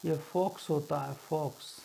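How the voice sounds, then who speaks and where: A man teaching beginners English words, slowly and patiently repeating each word. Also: a little high, fairly even intonation, gravelly, warm tone, slight background noise.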